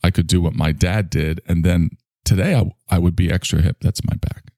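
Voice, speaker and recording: A man's voice: deep voice, fairly even intonation, normal speed, warm tone, dry recording, studio quality. A man in his sixties hosting a solo podcast, rambling and joking at his own expense. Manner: rambling, self-mocking, jokey. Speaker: podcast host.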